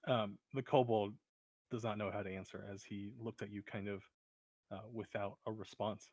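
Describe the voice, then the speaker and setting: A man running a tabletop game as game master, narrating in a halting way with many fillers. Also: on the low side, fairly even intonation, a little mellow, no echo.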